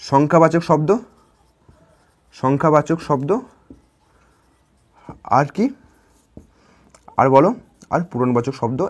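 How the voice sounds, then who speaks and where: A quick-speaking man gives a grammar class to young pupils. His voice sits a little high, and he keeps repeating key terms and checking "all right?" as he goes. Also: a little mellow. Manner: repetitive, checks in with "ঠিক আছে?" often. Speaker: teacher. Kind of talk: classroom grammar lesson to children.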